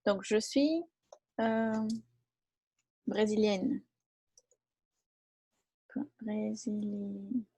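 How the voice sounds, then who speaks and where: Woman, teacher, online class, unhurried delivery, soft mellow tone. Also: medium pitch, fairly even intonation, no echo. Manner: patient, repeats examples slowly. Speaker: French teacher.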